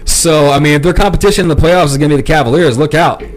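A man's voice: on the high side, very fast. A man co-hosting a sports comedy podcast, rambling in a laid-back way and laughing as he talks. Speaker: podcast co-host.

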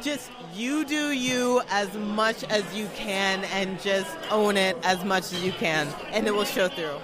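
Here a cosplayer from Florida, US, answers interview questions in a casual, excited way, her medium-pitched voice moving at a measured pace. Behind her are the music and crowd noise of a busy fan convention. She speaks effusively and emphatically, repeating and doubling back on her phrases.

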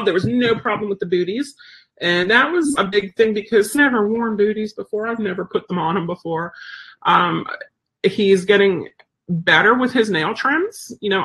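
Bright-voiced woman chatting casually. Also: mid-range voice, breathy edge. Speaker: service dog handler sharing updates. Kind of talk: casual chat.

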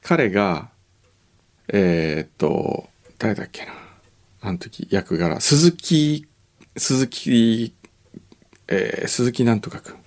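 A man hosting a podcast, chatting casually and telling a story with lively imitated lines. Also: lowish voice, slow, pauses often. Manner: animated storytelling, slips into mock dialect lines. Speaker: podcast host. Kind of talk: casual chat.

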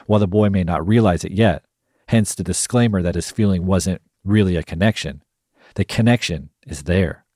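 A man hosting a podcast, narrating a scripted analysis in a measured, explanatory way. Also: deep voice, dark tone, no room sound, clean studio sound. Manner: measured, explanatory, reads quotes aloud. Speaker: podcast host.

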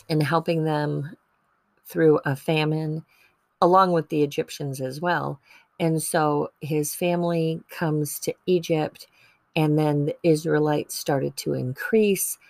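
A woman's voice: low-pitched, creaky, a little mellow, dry recording. A woman giving a casual, chatty devotional talk, digressing and correcting herself as she retells Bible stories. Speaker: speaker sharing Bible stories about mothers.

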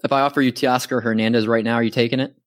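A man with a mid-pitched voice hosts a fantasy baseball chat, moving the talk along and putting questions to his co-hosts. His manner is relaxed and conversational, and the sound is dry and close. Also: racing, no echo. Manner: steering, question-posing, conversational. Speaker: podcast host, moderator.

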